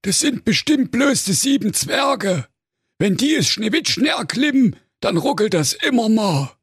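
A dimwitted fairy-tale brother whines and dawdles in broad Saxon. His voice sits squeaky high with a husky edge and swoops about. It is a close, dry comic audio-story sound. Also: sing-song, a little slow, no room sound, full character voice. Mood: fretful. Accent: Saxon German. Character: bumbling middle-aged male fairy-tale brother, slow-witted.

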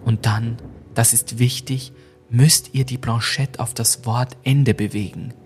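A man's voice: medium pitch, steady tone, a little slow, darkish tone, faint music behind, lightly acted. A man voicing a worried female friend on the phone, speaking urgently and insistently. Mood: instructing.

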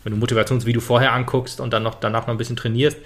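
A man's voice: mid-range voice, flat delivery, racing. A man co-hosting a casual football podcast, talking hesitantly with many fillers and restarts. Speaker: podcast co-host.

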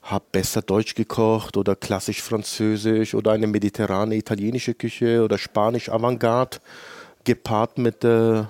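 A man's voice: lowish voice, little pitch movement, normal speed, a little mellow, no echo. A man in his late thirties from the Allgäu, a chef answering interview questions in an earnest, reflective way with many fillers. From Germany (Allgäu). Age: late 30s. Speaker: two-star chef, guest. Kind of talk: casual interview.

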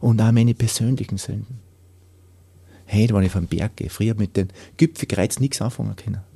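Husky-voiced man, earnest testimony. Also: lowish voice, steady tone, moderate pace, dry recording. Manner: earnest, drops into soft whispers when moved. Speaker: believer giving testimony. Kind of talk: personal faith testimony.

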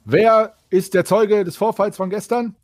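A man's voice: sits high, steady tone, unhurried, no echo, voice pushed up. A man voicing a stern town guard sergeant in a fantasy tabletop game, giving clipped orders. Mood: commanding. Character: stern, commanding male town guard sergeant in full armour.

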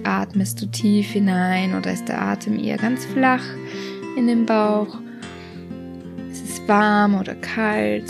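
Slow, creaky-voiced woman guiding meditation. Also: medium pitch. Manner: slow, soft, guiding body scan with questions. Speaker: podcast host and guide. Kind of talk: guided meditation.

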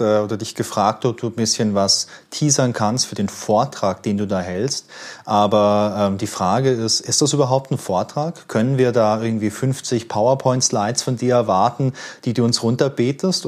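A man's voice: lowish voice, normal speed, darkish tone. A man hosting a casual interview, asking friendly, curious questions with a few fillers. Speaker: host.

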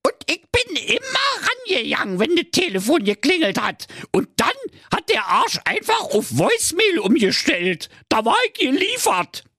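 A man's voice: wildly swooping pitch, moderate pace, bright, forceful tone, dry recording, clean studio sound, full character voice. A man voicing a cheeky, plucked male parrot in a comic audiobook. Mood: whiny. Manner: shrill, cheeky, squawking.

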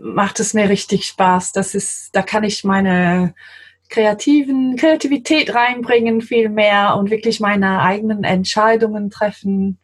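A woman from London speaks German with an English accent, pausing often and laughing lightly as she talks about her work. Her voice is husky and breathy. She sounds like a guest in her forties in a relaxed interview. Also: medium pitch. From London, England. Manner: warm, giggly, hesitant with many fillers. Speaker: guest, translator. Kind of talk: casual interview chat.

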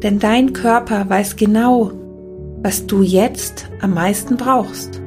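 A woman leading a guided meditation in a soft, calming, unhurried manner. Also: mid-range voice. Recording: background music behind the voice. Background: meditation music.

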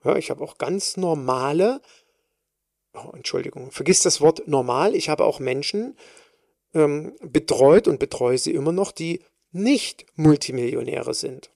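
Lady talking solo on her podcast, gravelly voice, dry close sound, keeps stressing words. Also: deep voice, animated, measured pace, darkish tone, dry recording. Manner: emphatic, repeats and stresses words. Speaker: podcast host, personal trainer.

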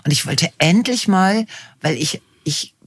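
A woman's voice: fairly low pitch, expressive, unhurried, husky. A woman co-hosting a podcast from home, chatting eagerly and often trailing off mid-sentence before starting over. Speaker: podcast co-host. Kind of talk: casual chat.

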